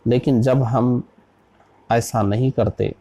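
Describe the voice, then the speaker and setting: A man, an Islamic scholar from India, giving a slow, deliberate religious lesson on Quran recitation and spelling out letters one by one. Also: medium pitch, fairly even intonation, dark tone.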